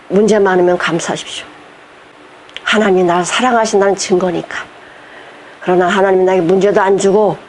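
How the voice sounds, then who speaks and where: A woman's voice: medium pitch, darkish tone, a little hiss or hum. A woman pastor preaching a sermon, emphatic and direct, firing rhetorical questions at the congregation and slipping between formal preaching and casual speech.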